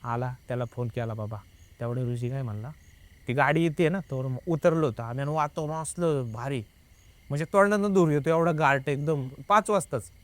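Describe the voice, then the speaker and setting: There's no room sound around this young man's mid-range voice, which moves at a moderate pace. As a guest in casual conversation, he tells of a personal experience, vividly playing out the dialogue and often adding "I said."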